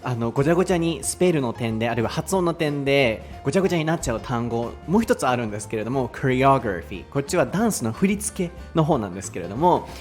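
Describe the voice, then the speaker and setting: Lively, fast-talking Japanese host. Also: male voice, mid-range voice, faint music behind. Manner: lively, explains with laughter. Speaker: podcast host and English teacher. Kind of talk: casual bilingual lesson chat.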